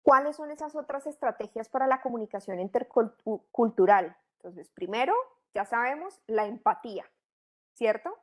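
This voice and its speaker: A woman's voice: fairly high pitch, lively intonation, normal speed, a bit bright. A middle-aged woman, teaching a training course in a didactic way, asking many rhetorical questions. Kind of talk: online training lecture.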